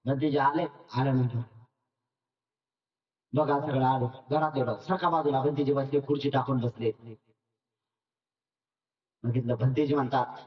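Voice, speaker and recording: A man's voice: medium pitch, steady tone, a little slow, pauses often. A man, a Buddhist monk, giving a sermon at a meditation camp and telling a story, acting out each character in turn. The recording is dull, echoey and from far off.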